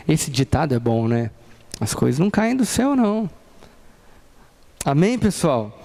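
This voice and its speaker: A Brazilian pastor in his thirties delivers a sermon woven with family stories, acting out the people in them. His voice is a little high and a little mellow.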